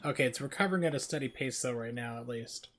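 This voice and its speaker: A man with a mid-range voice talks fast while livestreaming a video game. His commentary is casual, chatty and amused, typical of a relaxed gaming stream.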